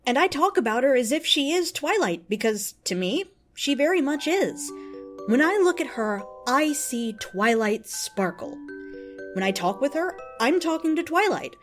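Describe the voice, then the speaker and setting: Over soft background music, a woman with a high, sing-song voice performs a dramatic, emphatic reading of an open letter at a moderate pace. She plays an earnest, lovestruck devotee of a cartoon pony who's easily offended, and her tone is tender and devoted.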